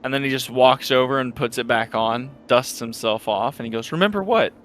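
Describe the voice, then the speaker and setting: A man playing a tabletop game, telling his character's actions in a relaxed, storytelling way. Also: medium pitch, moderate pace, a little hiss or hum. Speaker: player.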